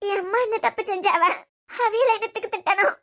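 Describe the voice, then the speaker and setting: A woman with a Kanyakumari Tamil accent voicing a grieving young wife who talks softly and tearfully in a cartoon series. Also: very high voice, steady tone, fairly quick. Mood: sorrowful. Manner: soft, tearful pleading. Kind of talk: cartoon web series dialogue.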